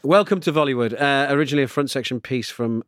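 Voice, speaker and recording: A man's voice: medium pitch, fast talker, a bit bright, no echo, clean studio sound. A man hosting a podcast in a casual, chatty way. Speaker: podcast host.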